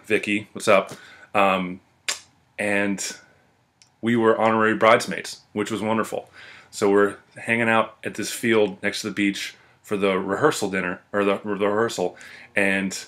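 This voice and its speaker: A young man casually telling funny stories about a friend to the camera, relaxed and amused, with plenty of ums and uhs. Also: lowish voice. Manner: laid-back, amused, with filler ums and uhs. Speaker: friend giving a video tribute.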